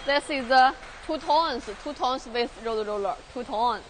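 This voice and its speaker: A young Chinese woman touring a large factory workshop in halting English with a Chinese accent, repeating words and using many fillers, filmed on a handheld phone. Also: high-pitched, a little hiss or hum. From China. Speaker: factory tour guide. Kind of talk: live factory tour walkthrough. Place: large industrial workshop and outdoor factory yard.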